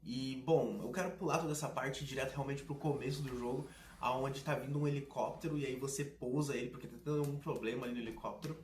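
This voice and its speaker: A man's voice: medium pitch, fairly even intonation, quick pace, darkish tone, a little hiss or hum. A man giving casual, sarcastic, slangy game commentary as host of a gaming channel. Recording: roomy echo.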